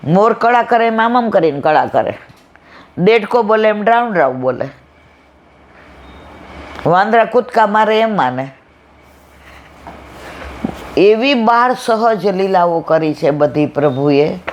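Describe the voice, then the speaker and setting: Older woman, leading a devotional discourse as a warm-paced storyteller. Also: mid-range voice, animated, slow pace, pauses often, muffled recording, a little hiss or hum. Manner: storytelling, acting out family anecdotes. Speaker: devotional speaker.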